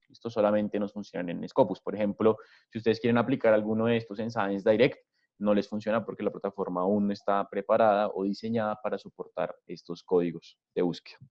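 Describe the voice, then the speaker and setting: A man leading an online training session, explaining step by step and often checking in with a quick question to the listeners. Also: lowish voice, a little mellow. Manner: explanatory, repeats "¿listo?" and "entonces" often. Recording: dull lo-fi webinar audio.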